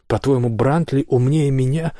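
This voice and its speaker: A man's voice: moderate pace, mellow, dry recording, clean studio sound, natural voice. A man voicing an anxious, clingy male monster that lives under a bed, fretful and whiny. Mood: worried. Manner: fretful, high and whiny when scared.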